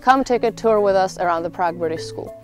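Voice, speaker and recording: A woman's voice: medium pitch, quick pace, soft background music. Chatty teenage girl giving a school tour. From Czech Republic. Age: teens. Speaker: student tour guide.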